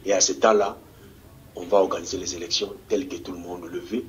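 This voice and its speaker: A man's voice: sits low, little pitch movement, fairly quick. A man from DR Congo, a political activist answering an interview in a fervent, rousing way, often stumbling and repeating words. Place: Congolese diaspora community in Australia. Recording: dull lo-fi TV recording.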